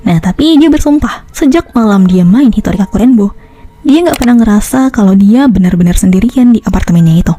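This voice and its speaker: A young woman narrating a horror story in a casual style, with dramatic pauses and chatty slang asides to her viewers. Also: mid-range voice, lively intonation, dark tone. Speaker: YouTube storyteller.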